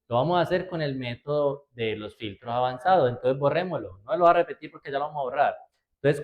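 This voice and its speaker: A man's voice: on the high side, a little mellow, dull audio. Guy teaching a computer class, patient, walks through each step, keeps asking if everyone gets it. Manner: patient, step by step, checks understanding with frequent "¿cierto?". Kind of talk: classroom spreadsheet lesson.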